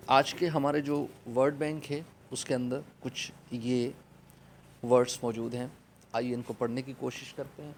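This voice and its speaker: A man with a Pakistani accent teaching an online English class to children, saying each vocabulary word loudly and repeating it for them to copy. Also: medium pitch, flat delivery, slight background noise. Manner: opens with an Arabic prayer, then explains in Urdu.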